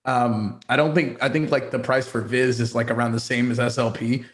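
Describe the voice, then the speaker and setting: A man appearing as a guest, a guild founder, talking in an animated, playful way with slangy asides in a casual chat. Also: medium pitch, normal speed.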